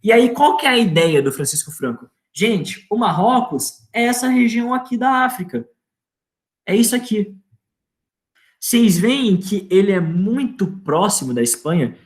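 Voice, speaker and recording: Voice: mid-range voice, expressive, moderate pace. Slangy Brazilian teacher in an echoey room. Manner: informal and slangy, asks students rhetorical questions. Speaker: history teacher. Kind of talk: casual online history lecture.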